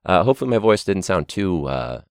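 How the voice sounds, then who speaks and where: A man's voice: low-pitched, sing-song, fairly quick, clear, resonant tone, no room sound, studio quality. Ranting man with a sore voice. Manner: ranting, sarcastic, swears and laughs often. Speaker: podcast host and teacher. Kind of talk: casual monologue.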